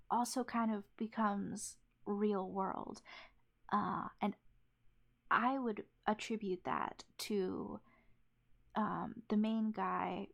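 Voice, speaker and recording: Casting: woman reviewer, slow and hesitant, gravelly fry, casual off-the-cuff commentary full of fillers. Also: medium pitch. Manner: halting, filler-heavy rambling with self-corrections. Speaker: anime reviewer.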